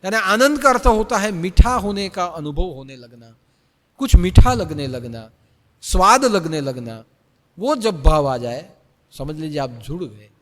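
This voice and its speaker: Lively-voiced man giving a spiritual discourse. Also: high voice, measured pace, in a large hall. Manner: repeats phrases, swings between loud urging and soft hush. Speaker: spiritual teacher.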